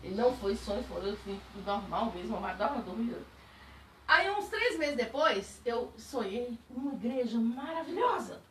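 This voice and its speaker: A woman speaking as a spiritist, giving a personal testimony to a group in animated storytelling. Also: on the high side, moderate pace, slight background noise. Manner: animated storytelling, laughing while recalling. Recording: echoey room, distant mic.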